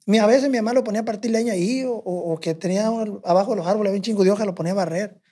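This high-pitched male voice races along, dark in tone with a breathy edge, carrying a Sinaloan Mexican Spanish accent. On a podcast as a guest, he tells a long, casual story that wanders and swears freely, repeating what he and others said.

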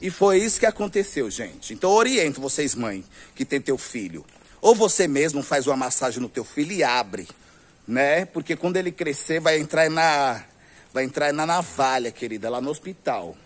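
High-voiced and flamboyant, a Brazilian man vlogs outdoors on a street, casually telling a gossipy story to camera. He's animated at a normal speed, laughs often, and sprinkles in plenty of slang address.

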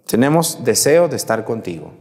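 A man voicing two scheming, lecherous old male judges who threaten a young woman in low, menacing tones, as he tells a Bible story. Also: big pitch swings, normal speed, darkish tone. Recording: reverberant church hall.

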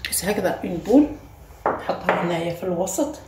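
This cooking channel host, a woman with an Algerian Arabic accent, walks viewers through a home recipe step by step, returning again and again to short cues. She speaks quickly in a lowish voice with lively intonation, recorded in an echoey room with faint background noise.

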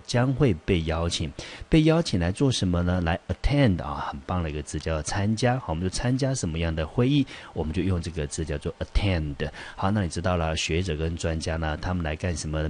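A man's voice: sits low, darkish tone, slight background noise. A man with a Taiwanese Mandarin accent teaching English exam vocabulary in a patient, repetitive way, with many fillers.

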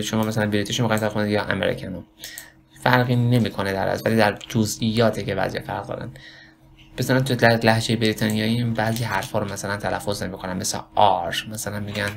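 A man with a Persian accent giving a casual spoken lesson on English pronunciation, rambling and correcting himself as he slowly demonstrates words. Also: fairly low pitch, gravelly, a little hiss or hum.

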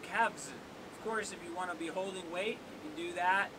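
High-voiced upbeat man coaching a workout. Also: normal speed. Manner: upbeat, joking, counting down. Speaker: workout host. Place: small seaside cave outdoors. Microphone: camera on tripod at a distance. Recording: noisy outdoor recording with wave rumble.

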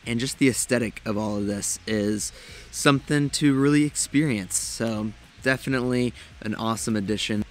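A young man hosting a tiny house tour, narrating with enthusiasm and talking straight to viewers. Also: mid-range voice. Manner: enthusiastic, addresses viewers directly. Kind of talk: upbeat walkthrough narration.

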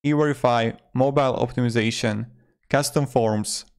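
A man in his twenties, speaking into a nearby desktop microphone in a small indoor room, narrates a casual review as a video host. His medium-pitched voice is clear and resonant, fairly even in intonation, at normal speed, and his wording is loose.

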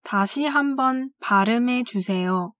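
A woman teaching language, reading classroom phrases slowly and carefully and saying each one twice. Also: a little high, a bit bright, no room sound. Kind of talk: scripted phrase drill.

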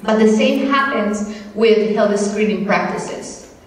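A woman's voice: mid-range voice, recorded from a distance. Colombian-born woman lecturing in an echoey hall. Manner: measured, explanatory, steady. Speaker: panel speaker. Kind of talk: lecture presentation.

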